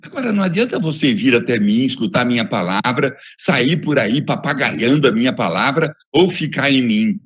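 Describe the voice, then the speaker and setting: Over a phone video call, a Brazilian Portuguese-accented man gives an emphatic, expressive academic talk that develops through repeated lists. His pitch is medium and his pace moderate, with few pauses and a husky quality.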